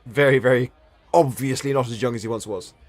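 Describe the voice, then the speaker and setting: Halting male game master over soft music. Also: medium pitch, steady tone. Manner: halting, repeats words while describing. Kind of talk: improvised tabletop game narration.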